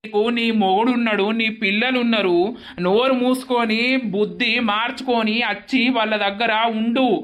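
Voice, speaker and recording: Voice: medium pitch, fairly even intonation, normal speed, a bit bright. A voice actor as a fretful young village man. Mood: exasperated. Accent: Telangana Telugu. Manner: fretful, exasperated. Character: harassed young village man about to marry. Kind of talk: village comedy cartoon dub.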